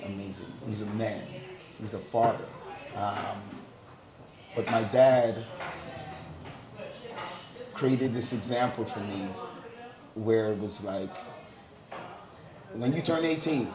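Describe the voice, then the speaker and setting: Against a murmuring crowd in a roomy-sounding space, a Guyanese panel speaker, a middle-aged man, tells his story openly in group discussion, emphasizing points through repetition. He speaks slowly, with a fairly low pitch and long pauses.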